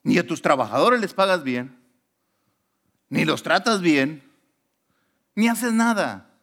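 Animated male preacher. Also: fairly high pitch, slow. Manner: animated, conversational preaching with rhetorical questions. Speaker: pastor. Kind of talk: sermon.

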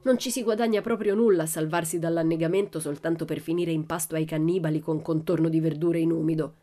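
A woman voicing a bold, cheeky girl adventurer who talks in a lively, boastful, playful way. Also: low voice, fast, faint music behind, close to an everyday voice. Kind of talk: audiobook character voice.

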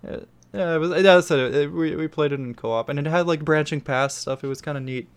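A man with a blocked, congested nose hosts a casual podcast in a smooth, clear voice. He rambles and swears freely. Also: on the high side, a little fast. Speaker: podcast host. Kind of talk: casual chat.

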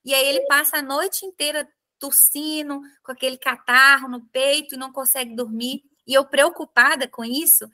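A Brazilian Portuguese-accented woman hosts this interview in a high, bright voice. She talks earnestly and conversationally about parenting, leaning on frequent tag questions and fillers as she goes. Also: fairly even intonation, moderate pace, hardly any pauses. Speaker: podcast host, mother.

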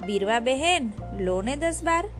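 A woman doing a gentle talking jujube bush. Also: high-pitched, very animated, unhurried, soft background music. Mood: kind. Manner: soft, friendly, caring. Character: gentle female jujube bush, kind-hearted.

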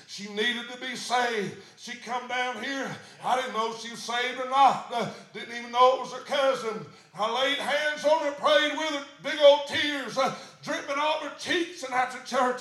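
A middle-aged pastor, preaching a sermon in a church, building to shouts and filling pauses with "uh". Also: male voice, very high-pitched. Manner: preaching with rising shouts and many "uh" fillers. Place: church sanctuary. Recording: echoey church room.

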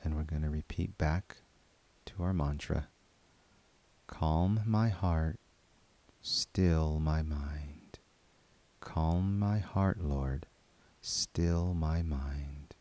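Very deep, slow, hushed man. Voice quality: soft, hushed, drifting into whispers. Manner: slow, calm, repetitive chant-like phrasing. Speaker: meditation guide. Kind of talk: guided prayer meditation.

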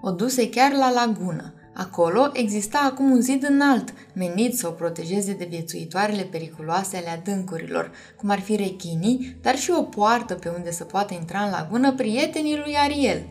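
A woman narrates a children's storybook at a middle pitch. Her reading is expressive and measured. Soft music plays faintly underneath. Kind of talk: storybook read-aloud.

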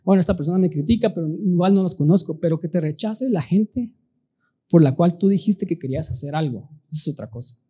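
Husky, dark-voiced male preacher. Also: high-pitched, brisk. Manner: earnest, emphatic, frequent rhetorical questions to the audience. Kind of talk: sermon.

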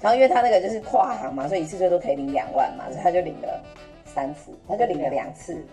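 A young woman with a Taiwanese Mandarin accent telling a story on a podcast, animated and laughing, acting out an old customer's lines in Taiwanese. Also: lowish voice, rapid-fire, faint music behind. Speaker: podcast host. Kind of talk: casual chat, storytelling.

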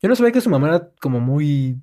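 A man's voice: a little high, sing-song, fast, warm tone. A young man with a Mexican Spanish accent telling stories in a casual chat and animatedly mimicking other people.

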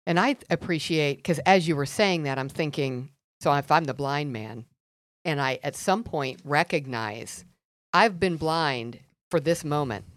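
Woman co-host, very low voice, reflective, casual chat, dry sound. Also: a little slow, no room sound. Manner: reflective, thinks aloud.

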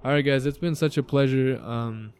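At a normal speed, a backyard podcast host speaks in a mid-range, darkish, smooth and steady voice with an American accent. His casual motivational chat is informal and emphatic, peppered with frequent swearing.

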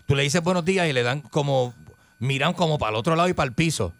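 A man co-hosting a radio show, joking in animated banter. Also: fairly high pitch, quick pace, creaky, no room sound. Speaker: radio co-host. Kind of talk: casual banter.

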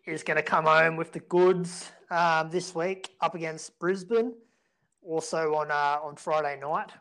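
A man's voice: fairly high pitch, fairly even intonation, unhurried, fairly bright tone, low-quality recording. An Australian man co-hosting a sports podcast in casual chat, laid-back and full of blokey slang. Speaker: fantasy rugby league podcast host.

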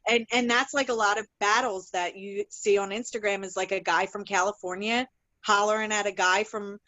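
A woman's voice: medium pitch, normal speed, dry recording, rough recording. Chatty, rambling woman plumber with a dry sound. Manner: chatty, rambling, many fillers and restarts; animated, laughs while telling stories. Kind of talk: casual podcast conversation. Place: works in Philadelphia.

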